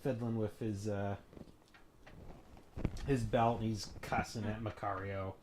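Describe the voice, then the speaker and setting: A man with a fairly low voice runs a tabletop game as its game master. He narrates scenes with vivid description and drops into loose, casual asides about the rules. There is a faint hiss under his voice. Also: steady tone, measured pace.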